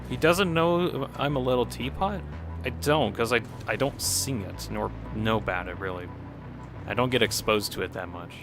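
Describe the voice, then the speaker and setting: This streamer, a man with a mid-range voice speaking at normal speed, offers loose commentary while he plays, wandering off topic, responding to chat and laughing a lot. He sounds a bit nasal from a cold, and game music plays behind him.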